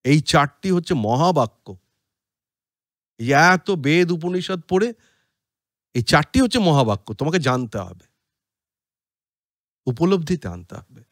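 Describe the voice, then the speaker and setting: Bengali man, spiritual podcast talk, very slow and measured, animated pitch, dry close sound. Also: no room sound. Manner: slow, deliberate, chanting Sanskrit verses. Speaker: podcast speaker on scripture.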